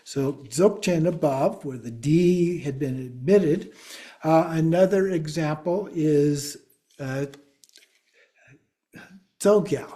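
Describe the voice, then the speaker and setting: A man lecturing slowly and patiently, walking his class through each point and pausing to check they follow. His voice sits a little high for a man, with a soft, mellow tone. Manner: patient, explaining step by step, checks in with "okay?". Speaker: Buddhist teacher.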